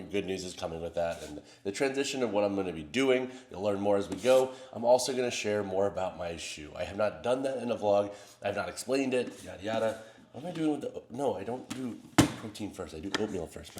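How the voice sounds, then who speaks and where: An American vlogger chats casually, his fairly low voice sounding congested and nasal over a noisy background. He rambles along in informal, slangy language.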